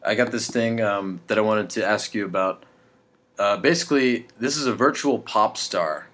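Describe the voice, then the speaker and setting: A man co-hosting a casual comedy podcast, deadpan and halting, with many fillers and restarts. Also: lowish voice. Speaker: podcast co-host.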